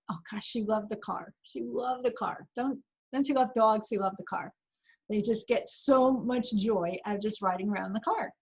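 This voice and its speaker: Husky woman therapist giving a workshop. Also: a little high, dull audio. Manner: chatty and conversational, often laughing between points. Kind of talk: workshop presentation.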